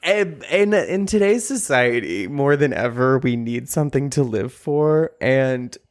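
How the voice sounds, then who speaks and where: A man's voice: medium pitch, expressive, measured pace. A man hosting a podcast in a casual, joking way, laughing often. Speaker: podcast host.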